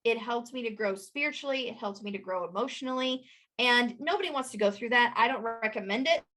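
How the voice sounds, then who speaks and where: A woman guest in an interview, telling stories in a lively way and acting out the people she quotes. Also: a little fast. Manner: animated storyteller, acts out quotes in a higher voice. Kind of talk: conversational interview.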